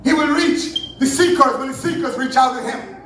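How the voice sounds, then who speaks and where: Male preacher, very high voice, fervent sermon with shouted peaks, recorded far off in a booming church hall. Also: moderate pace, a little hiss or hum. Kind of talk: Sunday sermon. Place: church sanctuary. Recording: very echoey church hall, heard from afar.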